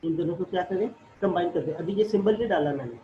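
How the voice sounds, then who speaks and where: A man's voice: high voice, quick pace. A man teaching a math class, explaining step by step and asking and answering his own questions. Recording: echoey room, dull lo-fi audio, faint noise.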